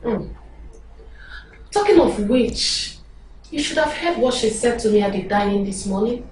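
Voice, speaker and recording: A woman's voice: on the high side, expressive, measured pace, darkish tone, slight background noise. An actress with a Nigerian accent playing a bitter, indignant woman married into royalty, complaining she was passed over. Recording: echoey room, distant mic.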